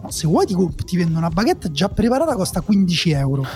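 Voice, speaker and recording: A man talks casually as a show co-host. His voice is notably high, and he makes his points emphatically, repeating phrases for effect. Faint music plays behind him. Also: very animated, fast, a little mellow. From Italy. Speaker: podcast co-host. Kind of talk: casual chat with listener messages.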